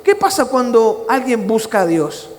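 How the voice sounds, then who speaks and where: A pastor preaching a sermon, swinging from impassioned near-shouting to low, quiet prayer. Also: male voice, big pitch swings, unhurried, slight background noise. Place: church. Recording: reverberant church hall with faint ambience.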